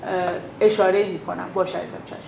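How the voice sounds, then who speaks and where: A woman's voice: lowish voice, flat delivery, creaky, darkish tone. Woman teaching a class, informal, acts out sample lines, echoey room, faint background noise. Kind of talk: class lecture.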